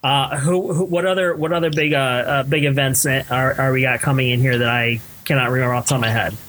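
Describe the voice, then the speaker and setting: A man hosting an interview, excitable and stumbling over his words. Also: medium pitch, a little fast, slight background noise, rough recording. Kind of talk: casual interview.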